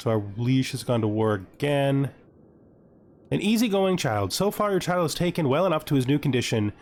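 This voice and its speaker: A gaming host narrates his playthrough at a normal speed, his mid-range voice very animated yet a touch mellow. He casually thinks out loud and reads on-screen text, with music under his voice.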